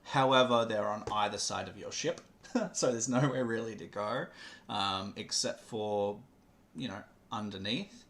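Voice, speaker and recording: A man running a tabletop game as game master, explaining rules hesitantly with many pauses. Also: on the low side, fairly bright tone. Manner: hesitant, with frequent ums and pauses.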